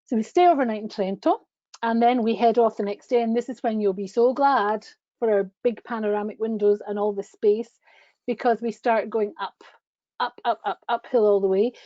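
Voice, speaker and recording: A middle-aged woman from a tour company gushes over her travel slides through a webcam on a video call, chatty and restarting often. Her voice sits on the high side, warm, at a moderate pace with no echo, though the call audio is dull and lo-fi.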